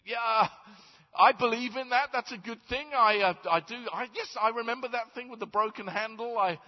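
A man's voice: very high voice, moderate pace, voice pushed up. A preacher voicing a nervous, babbling ordinary man pleading his case at heaven's gate, in a roomy church. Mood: eager, flustered. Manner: flustered, babbling, eager to please. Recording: roomy church reverb, slightly dull.

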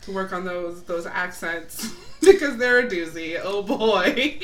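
A woman co-hosting a casual podcast chat, animated and playful, laughing often. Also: mid-range voice, slow pace, recorded from a distance. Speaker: podcast co-host. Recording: roomy and a bit off-mic.

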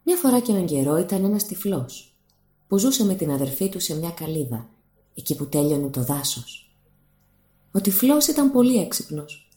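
A woman narrating a fairy tale for radio in an animated storytelling manner. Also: lowish voice. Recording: roomy studio echo.

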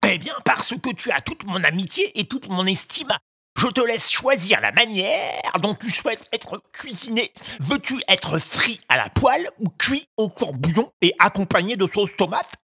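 A man's voice: sits high, big pitch swings, moderate pace, pushed and bright, husky, no echo, clean studio sound, pitched above the performer's own voice, exaggerated voice. A man doing a gloating green ogre fisherman. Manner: gloating, sing-song, cackling.

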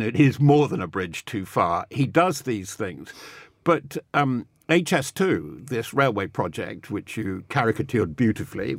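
A man's voice: medium pitch, no echo. An older man, a guest commentator, rambling through political talk with chuckles.

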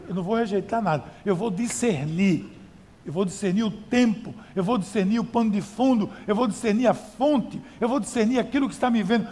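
A man's voice: extremely high pitch, a little mellow, long reverb tail. A male pastor preaching a sermon in a conversational style, with rhetorical questions and emphatic repetition.

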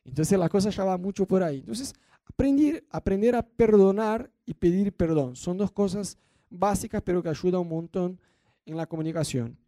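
A man with a Rioplatense Spanish accent giving a lively talk on marriage, often acting out what spouses say and asking whether the listener follows. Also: high voice, normal speed, dry recording, clean studio sound. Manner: acts out quoted spouses, rhetorical asides. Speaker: marriage speaker.

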